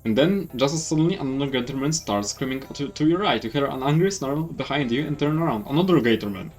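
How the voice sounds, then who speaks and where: A man's voice: medium pitch, lively intonation, quick pace. A man from Poland with a Polish accent, reading game text aloud in a let's play, stumbling and correcting himself. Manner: reads with stumbles and self-corrections. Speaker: gaming YouTuber. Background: faint game music.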